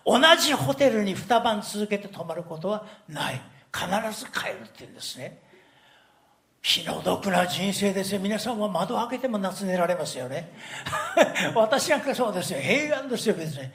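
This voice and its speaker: An older man preaching a sermon as a pastor, telling stories in an animated way and often laughing. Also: high voice.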